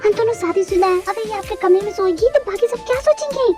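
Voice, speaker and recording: A hot-tempered young wife in a home-made fan dub, as a woman acts her out, with a very high, shrill voice. She snaps out lines quickly and scolds without pause. Faint music runs under her. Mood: angry. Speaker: fan dub narrator and voice actor.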